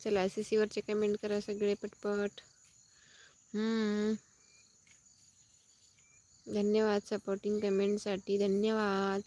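A woman's voice: mid-range voice, completely flat delivery, slow pace, pauses often, dark tone. A woman hosting a casual live stream outdoors in a farm field, chatting with viewers and thanking them for comments as she heads home. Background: crickets and insects outdoors.

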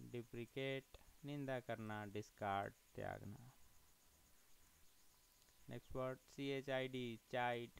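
A man's voice: medium pitch, creaky, a little hiss or hum, rough recording. A man teaching vocabulary, spelling each word letter by letter and reading through lists of meanings, correcting himself now and then.

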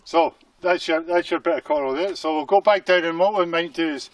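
Briskly and in a fairly high voice without echo, a man in his fifties guides listeners through the geology of a quarry rock face. His talk is informal and explanatory, with phrases repeated for emphasis, and the outdoor audio is clearly noisy and dotted with clicks.

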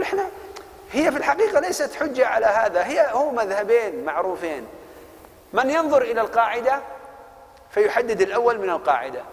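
A middle-aged man with an Egyptian accent teaching a classical text, animated, asking the class questions and acting out both sides of the argument. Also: sits high. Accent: Egyptian Arabic. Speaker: Quran orthography teacher. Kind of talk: explaining a classical text to students. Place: mosque lesson hall. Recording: long hall reverb.

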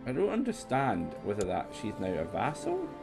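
Gravelly low-voiced man narrating gameplay. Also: huge pitch swings, moderate pace, over loud music. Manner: rambling, thinking aloud, casual swearing. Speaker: game streamer. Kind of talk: casual let's-play commentary.

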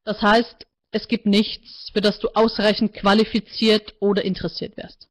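A woman voicing a calm, coolly bureaucratic male AI life counselor in a book reading, speaking low and measured. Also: lightly acted. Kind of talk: author reading aloud.

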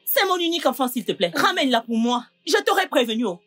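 A distraught husky mother. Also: sits high, very animated, fast, fairly bright tone, faint music behind, heavily acted. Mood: pleading. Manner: pleading, tearful and accusing. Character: distraught mother of a missing daughter. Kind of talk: French film dub.

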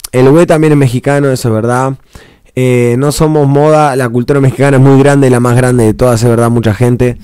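A man's voice: medium pitch, fairly even intonation, brisk, mellow, clean tone, no room sound. A man with an Argentine accent, hosting a reaction video in a casual, rambling way, heavy on slang and restarts. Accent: Argentine Spanish. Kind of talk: casual commentary.

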